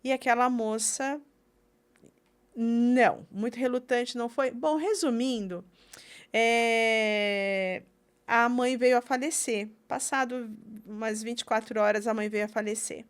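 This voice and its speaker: A woman's voice: a little high, unhurried, clear, resonant tone. A woman, a podcast host telling a story and acting out the voices of the people in it. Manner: animated storyteller acting out quoted speech. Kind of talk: casual chat, storytelling.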